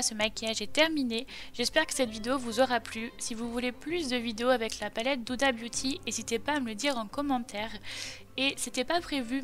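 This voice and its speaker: Female beauty vlogger, chatty tutorial voice-over, light high voice, faint music underneath. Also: a bit bright. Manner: chatty, step-by-step explaining. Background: faint background music.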